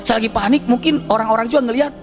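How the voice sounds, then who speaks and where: A man preaching and telling a personal story in a lively, humorous way, acting out dialogue and making sound effects. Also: extremely high pitch, racing, soft background music.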